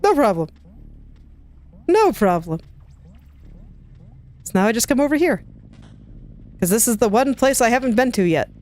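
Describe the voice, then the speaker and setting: A woman's voice: fairly high pitch, sing-song, a little mellow. A woman giving casual, chatty commentary as she plays a video game, talking to herself as she goes. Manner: chatty, self-talking, quick laughs. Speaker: let's play gamer.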